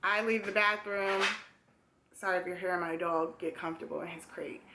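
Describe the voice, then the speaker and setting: A woman's voice: fairly low pitch, fairly even intonation, brisk, pushed and bright, slight background noise. A young woman vlogger casually telling a personal story to camera, chatty, with many fillers and small laughs.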